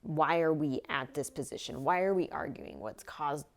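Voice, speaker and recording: A young woman in casual podcast chat with her partner, reflective and soft-spoken. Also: low-pitched, normal speed, a little hiss or hum. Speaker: podcast co-host.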